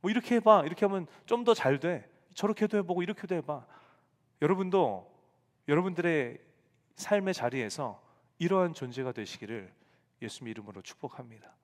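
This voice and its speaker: In a reverberant church sanctuary, a male pastor in his forties preaches to young adults, telling a family story and acting out the lines he quotes. His voice is a little high and a little fast, with lively intonation.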